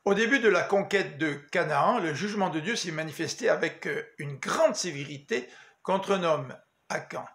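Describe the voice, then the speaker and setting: A man giving a daily Bible meditation as pastor, in a measured, earnest preaching manner. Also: a little high, animated, creaky, fairly bright tone. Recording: echoey room.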